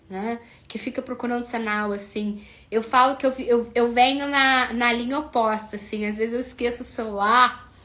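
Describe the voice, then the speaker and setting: Woman, 30s, psychologist host; slow, chatty, fairly high voice. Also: a bit bright. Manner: chatty, many fillers, acts out dialogue. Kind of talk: casual talk to camera.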